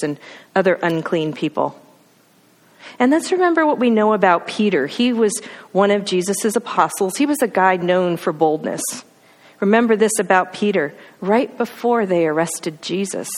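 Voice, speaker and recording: A woman's voice: on the low side, in a large hall. A woman preaching a sermon, telling the story with emphatic lists and rhetorical questions.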